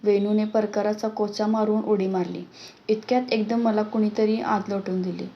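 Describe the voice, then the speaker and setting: A woman reads a story aloud at an even, measured pace. Her voice sits at a middling pitch. The recording is muffled and lo-fi. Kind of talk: storybook narration.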